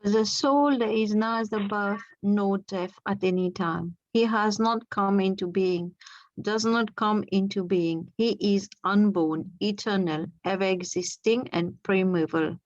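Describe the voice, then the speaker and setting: A woman's voice: medium pitch, unhurried, darkish tone, no echo. Mauritian-accented woman, dry, slightly dull sound. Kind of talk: measured reading aloud of scripture translation. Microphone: laptop on an online call.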